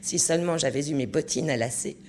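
Man doing a soft-spoken genteel countess. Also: fairly high pitch, fast talker, a little hiss or hum, close to an everyday voice. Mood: gentle. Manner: soft and gentle. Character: gentle, genteel aristocratic countess.

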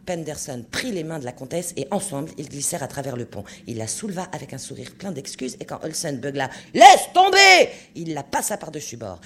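A man narrating a story in an audiobook reading, expressive and steady. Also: mid-range voice, a little hiss or hum.

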